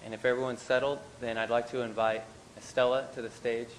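A man's voice: mid-range voice, little pitch movement, brisk, slight background noise, poor audio. A man making polite housekeeping announcements before an event.

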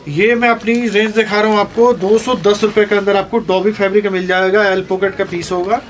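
A man who owns a jeans shop, giving a sales pitch and listing prices, fabrics and sizes as he shows each item. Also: flat delivery, a little fast, a little hiss or hum. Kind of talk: sales pitch showing products. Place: garment shop.

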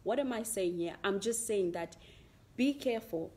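A woman's voice: medium pitch, expressive, moderate pace, dark tone. Chatty woman hosting. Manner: chatty, laughs often, mixes in Shona words. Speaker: host. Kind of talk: casual interview chat.

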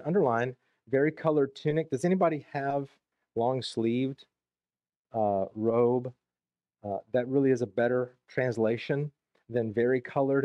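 Male pastor, Southern US accent, warm mellow tone, dry close sound, expository sermon with casual asides. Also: mid-range voice, dry recording. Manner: conversational, reads verses then adds plain asides. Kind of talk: expository sermon reading scripture with commentary. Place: church sanctuary.

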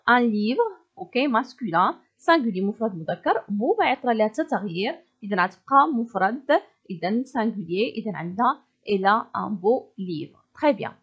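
A woman's voice: a little high, husky, muffled recording. A woman with a Moroccan accent teaching an exam prep lesson, explaining step by step, repeating answers and praising often.

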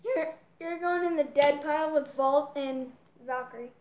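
A woman casually commenting on toy battles, excitable, yelping and correcting herself as she goes. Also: high voice, normal speed, a little hiss or hum. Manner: excitable, with yelps and self-corrections. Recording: echoey room.

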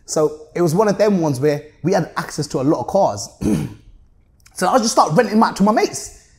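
His voice is high-pitched, creaky and darkish, with lively intonation and a slightly fast pace. The Luton man in his thirties, who runs a car rental business, uses a roadman accent and slangy street talk as a podcast guest at a table in an indoor meeting room.

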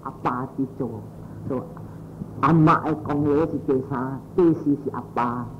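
A man's voice: fairly even intonation, measured pace. A Buddhist monk giving a dharma talk, telling stories and repeating his phrases in pairs, with English phrases mixed in. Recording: muffled with faint noise and low rumble.

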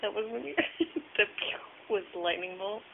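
A woman's voice: medium pitch, animated, moderate pace, vocal fry. A woman chatting casually and playfully, asking short prompting questions and echoing answers back. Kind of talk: casual questioning of a sleep talker. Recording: noisy, hissy, tinny phone-like home recording.

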